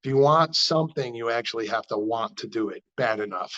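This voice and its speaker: A New man with a mid-range voice spins shop stories in a relaxed interview, jumping up in pitch whenever he acts out what someone said. The recording sounds a little dull and lo-fi. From New York. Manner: animated storyteller acting out dialogue with quick pitch jumps. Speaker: car builder and shop owner. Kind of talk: casual storytelling interview.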